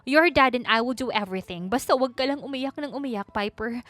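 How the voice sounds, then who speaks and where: Picture an audiobook scene in which a high-pitched, overwrought wealthy mother frets and scolds, voiced by a woman narrator. She talks dramatically and jumps between Tagalog and English. The voice is dry and close, with faint music underneath. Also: fairly quick, fairly bright tone, dry recording, close to an everyday voice. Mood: anxious pleading. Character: distraught wealthy middle-aged mother, shrill and fussy.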